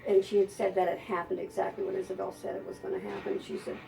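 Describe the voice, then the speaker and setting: A woman's voice: mid-range voice, level tone, fast talker, gravelly, distant mic, noisy background. An older woman, a psychic, telling rambling anecdotes to an audience with frequent laughs. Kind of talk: storytelling to an audience.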